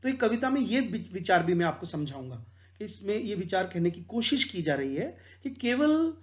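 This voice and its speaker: A man's voice: high-pitched, big pitch swings, moderate pace, dull audio. A man explaining a poem in an exam-prep lecture, patiently mixing Hindi with English terms. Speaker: English literature teacher.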